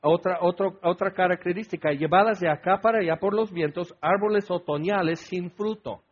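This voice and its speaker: A man preaching a sermon, telling stories with bursts of loud acted quotes and a husky voice. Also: high voice, moderate pace, muffled recording.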